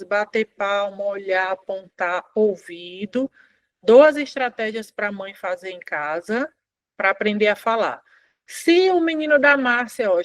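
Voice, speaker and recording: A woman speech therapist from Brazil, teaching parents in an informal, animated lesson. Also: medium pitch, no echo. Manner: animated, demonstrating with quoted parent and child lines.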